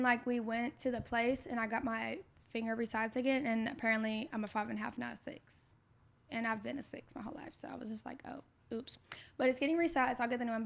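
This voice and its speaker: A woman's voice: on the high side, fairly bright tone. A woman in her twenties co-hosting a podcast, telling a story in casual chat with lots of "like" fillers. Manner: chatty, storytelling with many "like" fillers. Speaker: podcast co-host.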